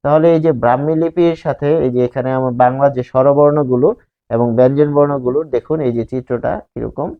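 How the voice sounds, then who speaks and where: A man's voice: medium pitch, steady tone, fast talker. Man, grammar teacher, explanatory, asks himself questions, lo-fi sound. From Bangladesh. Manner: explanatory, pointing things out, asks and answers his own questions. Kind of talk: classroom lesson explaining slides. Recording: slightly dull lo-fi recording.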